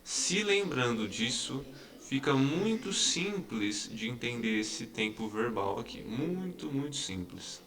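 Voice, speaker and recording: A man's voice: medium pitch, sing-song, slow, a bit bright. A man teaching English grammar in an online lesson. He explains patiently and repeats each example, checking in with his students again and again.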